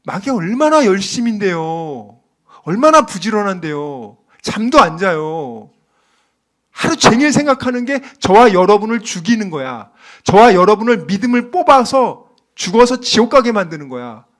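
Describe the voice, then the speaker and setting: High, lively man preaching a sermon. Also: moderate pace. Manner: emphatic, rhetorical questions to the congregation; acts out scenes with sound words and quoted voices. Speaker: pastor. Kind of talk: early-morning sermon.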